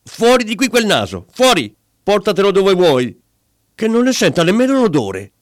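A man voicing a furious wife who scolds in a shrill, high voice. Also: very animated, fairly quick, dark tone, slightly rough, no room sound, clean studio sound, full character voice.

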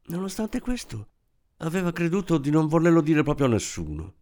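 A man narrating a novel aloud in an expressive storytelling manner. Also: fairly high pitch, a little fast. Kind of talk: scripted audiobook narration.

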